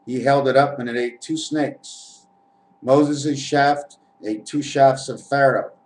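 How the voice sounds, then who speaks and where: A man's voice: mid-range voice, fairly even intonation, takes it slowly, low-quality recording. Man rambling on mystical letter wordplay. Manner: meandering, letter and number wordplay, addresses viewers as friends. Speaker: vlogger. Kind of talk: rambling spiritual monologue. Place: at home, on camera.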